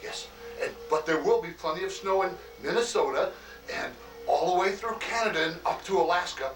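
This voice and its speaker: A man playing a hearty, fatherly old Santa Claus in an acted greeting monologue, chuckling often and talking in a slow, homely way full of "oh" and "why". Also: high-pitched, expressive, roomy sound, distant mic, music in the background. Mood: jolly.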